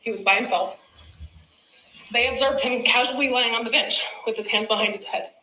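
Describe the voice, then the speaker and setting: A woman prosecutor giving an opening statement in court, in measured, deliberate phrases. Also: on the high side, pushed and bright. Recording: echoey courtroom, clear background noise.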